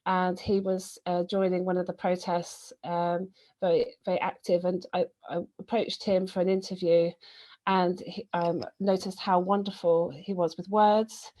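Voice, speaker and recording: A woman's voice: on the low side, little pitch movement, measured pace, mellow, rough recording. A woman hosting a webinar interview, asking questions in a hesitant way with frequent ums and uhs. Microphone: webinar video call.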